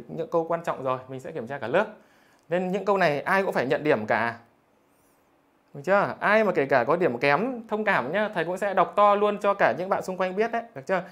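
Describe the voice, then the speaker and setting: A man's voice: high voice, fairly bright tone. A male math teacher, reading out students' scores in a live online lesson in a teasing, jokey way. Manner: teasing, jokey, keeps asking "được chưa?".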